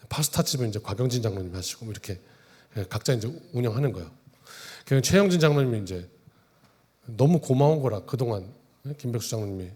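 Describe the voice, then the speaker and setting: A man's voice: mid-range voice, darkish tone, slightly rough. A male pastor preaching a sermon in a church, talking conversationally and joking with the congregation through role-play. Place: church sanctuary.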